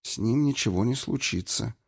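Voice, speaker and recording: A man reading an audiobook, voicing a young woman who speaks coolly and calmly with a faint mocking edge. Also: medium pitch, moderate pace, gravelly, breathy edge. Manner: cool, calm, faintly mocking. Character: young woman, cold and self-assured. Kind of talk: audiobook character voice.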